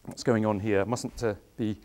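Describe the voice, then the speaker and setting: A man's voice: lowish voice, moderate pace. Middle-aged english guy doing a kids show, playful, keeps asking the kids stuff, lapel mic. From England. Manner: animated, questioning, playful with the audience. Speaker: actor performing for children. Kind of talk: interactive children's show. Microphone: clip-on microphone.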